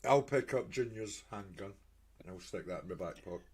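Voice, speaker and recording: A man's voice: lowish voice, lively intonation, a little fast. A man talking casually and joking as a player in a tabletop game.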